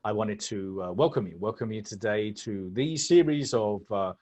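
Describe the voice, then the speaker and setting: A man's voice: on the low side, normal speed, a little mellow. A man hosting an interview series, introducing a guest and asking questions while often repeating his phrases. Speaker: host and founder.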